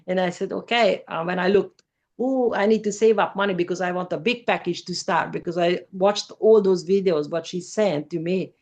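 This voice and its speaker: A woman speaks careful, simple English as an interview guest. Her voice has a gravelly, creaky texture. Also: on the low side, normal speed, a little mellow, lo-fi sound. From former Yugoslavia. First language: Hungarian. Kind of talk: personal testimony in an interview.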